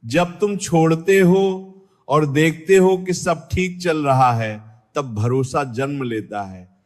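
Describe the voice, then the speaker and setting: Slow, measured man giving a spiritual talk. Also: a little high. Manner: measured, repetitive, addresses the listener directly with questions. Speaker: spiritual teacher. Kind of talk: spiritual discourse.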